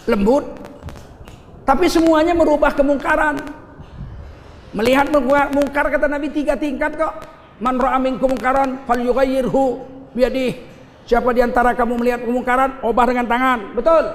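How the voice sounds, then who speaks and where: A middle-aged man preaching a lively sermon with funny stories, animated and teasing, acting out little scenes as he goes. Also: very high voice, slight background noise. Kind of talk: lively sermon with humorous anecdotes. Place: large hall at a gathering. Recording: echoey hall, faint ambience.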